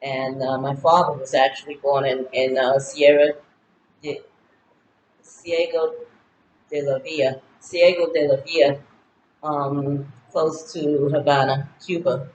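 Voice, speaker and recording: Her pitch is low and her tone level and darkish as she talks slowly through a casual birthday piece to camera. She's a Ghanaian-based vlogger in her sixties, rambling chattily over her goals with lots of fillers. The muffled recording, made at home, has slight background noise, roomy echo and faint ambience.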